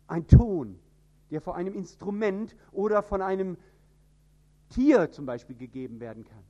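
A man from northern Germany with a standard High German accent, preaching an emphatic sermon. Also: muffled recording. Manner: emphatic, with sudden rises in pitch and loudness.

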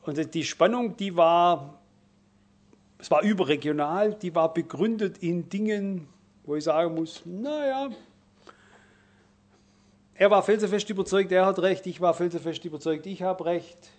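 Emphatic high-voiced preacher. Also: male voice. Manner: emphatic, slows down and swells in volume on key words, then drops quiet. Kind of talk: sermon.

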